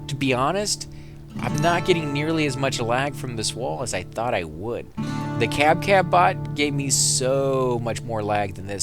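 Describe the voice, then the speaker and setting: Male gameplay commentator, mid-pitched, chatty and digressive, with clear game music and engine sounds behind him. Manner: rambling, self-correcting, excitable when fighting. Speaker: let's play commentator. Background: game music and vehicle sounds.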